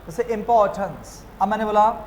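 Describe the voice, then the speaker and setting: A man's voice: high-pitched, normal speed, a little hiss or hum, low-quality recording. A man with an Indian accent teaching spoken English, asking questions and answering them himself as he drills words. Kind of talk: classroom lesson mixing Hindi and English.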